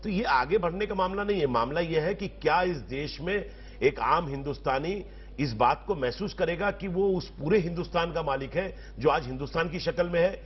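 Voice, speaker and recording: A man with a fairly high voice makes his case as a panelist in a televised debate. He drives his points home forcefully in long, rhetorical sentences. The broadcast audio sounds somewhat dull. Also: husky. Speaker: political panelist.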